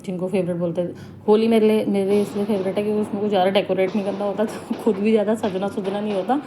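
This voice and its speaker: Young woman, chatty home vlogger, mid-pitched, clear background noise in the recording. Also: little pitch movement, very fast. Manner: chatty, homely storytelling. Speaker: family vlogger. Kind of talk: casual vlog narration.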